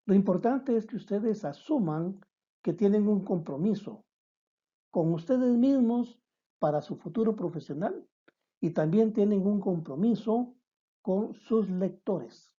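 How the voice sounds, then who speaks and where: A woman lectures on writing in a slow, unhurried way, taking students through each step and counting words aloud. Her voice is very dark and mellow, a little husky, and the recording sounds dull and lo-fi. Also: medium pitch, lively intonation. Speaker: writing teacher.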